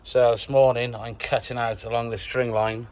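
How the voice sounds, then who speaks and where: A man's voice: mid-range voice, level tone, moderate pace, a little mellow, slight background noise. A man chatting casually to the camera as he lays a patio outdoors. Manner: chatty, jokey, talks to camera while working. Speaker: patio installer filming his work. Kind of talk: casual work vlog.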